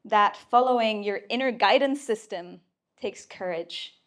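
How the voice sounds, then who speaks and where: A woman's voice: medium pitch, a little slow, a bit bright. Woman, inspirational talk, playful, emphatic, mid-range voice, casual swearing. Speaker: speaker at a mentoring community event. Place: event room before a live audience.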